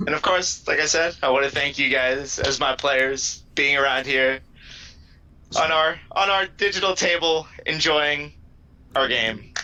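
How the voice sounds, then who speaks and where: A man's voice: a little high, a little slow, sharp tone, highs cut off. A man running a tabletop game, thanking his players and viewers in earnest as he closes the stream. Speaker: game master. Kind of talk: casual stream sign-off chat.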